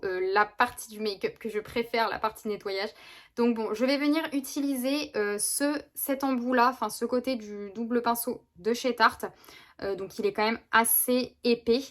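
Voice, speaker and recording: A woman with a somewhat high voice chats her way through a makeup tutorial. She rambles, restarts her sentences and fills pauses with hesitations as she explains each step. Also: a bit bright. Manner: chatty, rambling with many fillers and restarts. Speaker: beauty vlogger. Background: neighbor's lawnmower.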